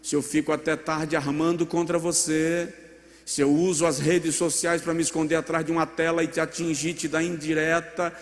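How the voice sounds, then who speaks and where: A pastor preaches with a fairly high male voice that carries a long reverb tail. He sinks to quiet storytelling, then climbs to loud, pressing calls to the listeners. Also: level tone, normal speed. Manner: storytelling preacher, dropping low and quiet then rising to loud emphatic appeals. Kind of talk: sermon.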